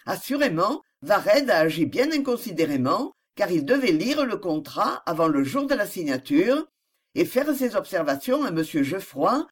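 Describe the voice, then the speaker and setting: An audiobook narrator reading a novel with scripted, expressive narration. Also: mid-range voice, moderate pace, breathy edge.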